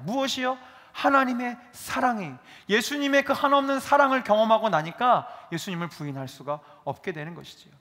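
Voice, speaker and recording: A male pastor preaching a sermon, lively, acting out quoted dialogue as he goes. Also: extremely high pitch. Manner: animated, acts out dialogue in his telling. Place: church sanctuary. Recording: reverberant church hall.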